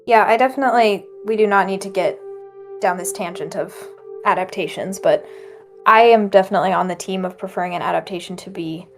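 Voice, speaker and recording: Woman, friend on a let's-read stream, mid-pitched, chatty and thoughtful, faint music behind. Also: brisk. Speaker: co-reader, friend of host. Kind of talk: casual chat.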